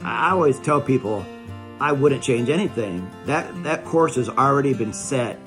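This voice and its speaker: A man's voice: medium pitch, animated, moderate pace, music in the background. An older man with a plain-spoken, folksy, grumpy old man manner, talking in a casual, reflective monologue. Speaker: video creator sharing life advice.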